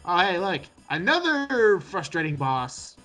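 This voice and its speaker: A man's voice: sits high, big pitch swings, unhurried, bright, forceful tone, faint music behind. A man in a casual let's play commentary, joking and sarcastic. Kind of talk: casual game commentary chat.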